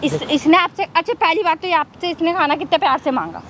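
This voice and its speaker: A woman's voice: very high voice, fairly quick. A woman passer-by confronting a man on the street, commanding and insistent. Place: city street outdoors. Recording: loud street noise behind.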